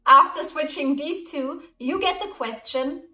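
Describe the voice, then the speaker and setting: A woman teaching German in English, explaining sentence structure slowly and carefully. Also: high voice, pushed and bright. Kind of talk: English lesson with German example dialogues. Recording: echoey room, music behind, mic at a distance.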